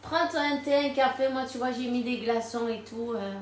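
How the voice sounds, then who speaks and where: A woman's voice: fairly high pitch, normal speed, echoey room, slight background noise. A woman giving a casual spiritual card reading, chatting freely, laughing often and using many fillers. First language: Spanish. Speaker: tarot card reader.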